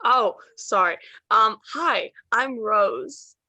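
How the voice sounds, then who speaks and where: A woman reads the stage directions for an amateur online play reading, hesitant and unhurried. Her voice is bright and crisp, recorded dry and close. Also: fairly high pitch, animated, no echo. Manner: hesitant, with fillers. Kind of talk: casual chat and reading. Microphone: home mic, off camera.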